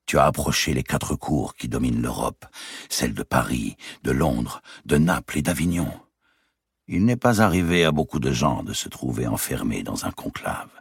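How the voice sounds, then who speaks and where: Male reader as a wise old uncle and banker in an audiobook, slow and calm, very deep and gravelly. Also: dry recording, full character voice. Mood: fatherly. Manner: measured and unhurried. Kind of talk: audiobook character reading.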